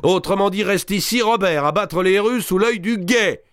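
A man voicing a loud, coarse giant nobleman. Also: high voice, moderate pace, no echo, clean studio sound, voice pushed up. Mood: mocking. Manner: loud, mocking, bawdy, with bursts of laughter. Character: boisterous, coarse giant nobleman, crude and scheming. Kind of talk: audiobook reading of a historical novel.

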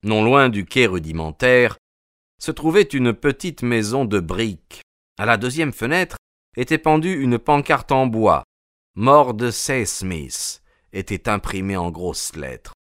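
A man's voice: mid-range voice, very animated, unhurried, fairly bright tone, no echo, studio quality. Man narrating a story. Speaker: audiobook narrator. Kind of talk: scripted narration.

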